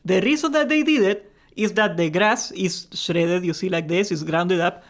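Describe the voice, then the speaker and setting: Chatty high-voiced young man streaming. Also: normal speed, a bit bright. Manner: chatty, joking, swears casually, laughs often. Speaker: gaming livestream host. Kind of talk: casual live-stream chat.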